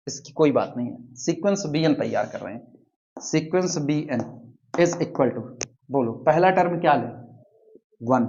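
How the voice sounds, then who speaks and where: Higher-voiced man teaching math, lo-fi. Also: darkish tone, slight background noise. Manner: quizzes students, drawn-out counting of terms. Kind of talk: chalkboard math lecture.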